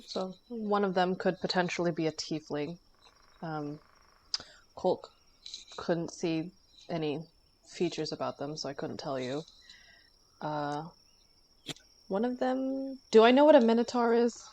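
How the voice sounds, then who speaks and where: A young woman with a somewhat low voice plays her character in a tabletop game. She recaps hesitantly and fills her pauses with fillers. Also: a little mellow, slight background noise, low-quality recording. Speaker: player.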